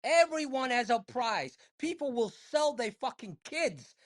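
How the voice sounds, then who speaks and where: Brief: outspoken podcast woman, fairly high voice, emphatic, profane. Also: animated, a little slow. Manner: emphatic, heavy swearing, repeats points. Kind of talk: casual podcast chat.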